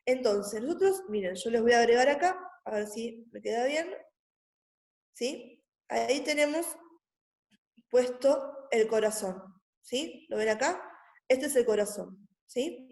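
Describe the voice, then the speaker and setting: A woman's voice: on the high side, expressive, unhurried, darkish tone, roomy sound, poor audio. A woman giving an online anatomy lecture, patiently checking in with her students again and again. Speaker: anatomy teacher. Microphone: computer mic on a video call.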